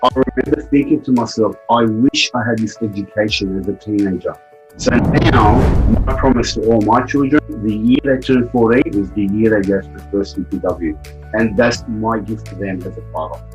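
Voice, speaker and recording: A man's voice: fairly low pitch, normal speed, soft background music, poor audio. A middle-aged man giving a heartfelt personal testimonial about a seminar, telling a family story earnestly. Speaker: event attendee giving a testimonial.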